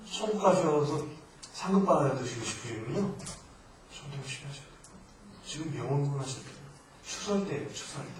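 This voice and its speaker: Korean missionary guy preaching, kinda high voice, big echoey church from far off, bit of hiss. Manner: emphatic, swings between loud exhortation and quiet asides. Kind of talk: sermon. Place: church sanctuary. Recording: echoey church hall from far off, faint noise.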